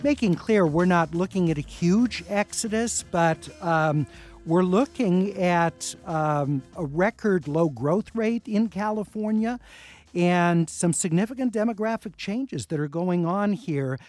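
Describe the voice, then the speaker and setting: A man in his sixties hosting a call-in radio talk show in a chatty, relaxed way, with easy laughs. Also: sits high, unhurried, faint music behind. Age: 60s. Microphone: studio microphone, dry sound.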